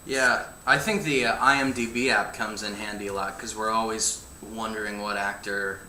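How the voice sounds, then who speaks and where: A man's voice: lowish voice, fairly even intonation, normal speed, pushed and bright. A young man chatting casually on a livestream, telling stories in an easygoing way with hesitant fillers. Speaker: band member answering fan questions. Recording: roomy with faint hum.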